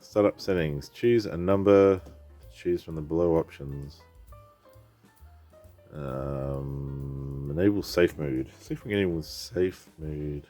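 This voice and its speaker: Soft music plays as a stuffed-up PC repair vlogger rambles through a computer fix, reading on-screen text and thinking aloud. He speaks slowly in a very deep, warm voice.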